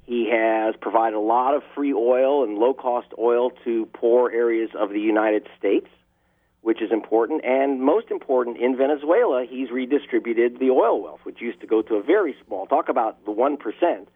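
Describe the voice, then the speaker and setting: Husky and mid-range, this man's voice travels over a tinny telephone line at normal speed. He's an investigative journalist guest answering interview questions with impassioned delivery that builds emphasis on key words.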